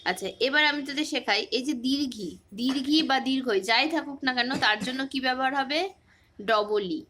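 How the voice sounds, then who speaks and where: In a slightly quick, high and bright voice, a teacher guides a relaxed phonics lesson, posing short quiz questions and calmly repeating each answer. Some faint background noise can be heard.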